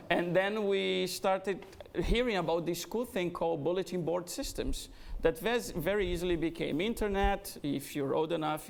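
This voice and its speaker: Before an event audience, the Brazilian executive speaks in a conversational fireside interview, his slightly high, gravelly voice taking on a darkish tone. Hesitant and heavy with "uh" fillers, he frequently stops to search for words, his Brazilian Portuguese accent strong.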